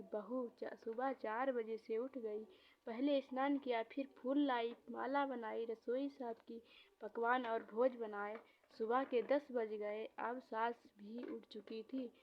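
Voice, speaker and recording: A woman narrating a family story slowly and steadily, lightly voicing the mother-in-law and the daughter-in-law in their exchanges. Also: on the high side, steady tone, highs cut off, a little hiss or hum.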